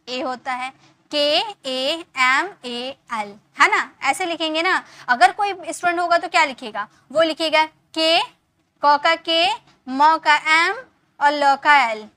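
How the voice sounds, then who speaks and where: A woman from India giving an online lesson as an English teacher, patiently explaining and often checking that the point is clear. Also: high voice, fairly bright tone. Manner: patient, repeats points with frequent check-ins.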